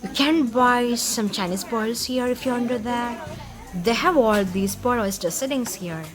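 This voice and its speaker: A woman's voice: fairly high pitch, moderate pace, over music. A woman hosting a travel vlog, narrating in an upbeat way and speaking directly to viewers.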